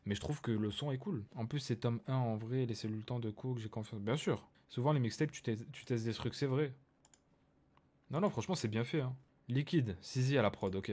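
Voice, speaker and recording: A man's voice: medium pitch, brisk, darkish tone. A man hosting a rap reaction video, chatting casually with many fillers and restarts, hyping up his viewers.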